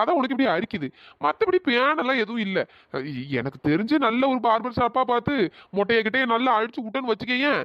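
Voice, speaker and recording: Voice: mid-range voice, no room sound, highs cut off, close to an everyday voice. Timid stammering henpecked husband, voiced by a performer. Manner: stammering, pleading. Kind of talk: cartoon voice acting.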